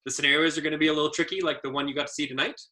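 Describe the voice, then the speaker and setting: A man's voice: on the high side, fairly even intonation, racing, bright, forceful tone. A man, an adaptive ski instructor trainer, giving a casual training presentation as an easygoing storyteller with many fillers.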